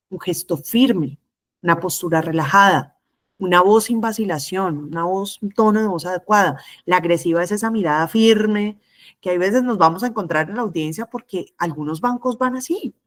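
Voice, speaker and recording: A middle-aged woman with a fairly low, slightly bright voice teaches trainee conciliators. Her lecture is measured and explanatory, working through points one at a time.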